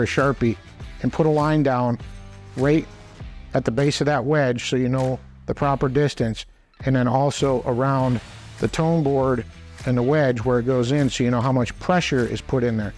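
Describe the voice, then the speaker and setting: Guy doing a how-to demo, mid pitch, plain spoken, explains it step by step, bit of music in the back. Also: a little mellow. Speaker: instructor, hunting call expert. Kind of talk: instructional demonstration, conversational.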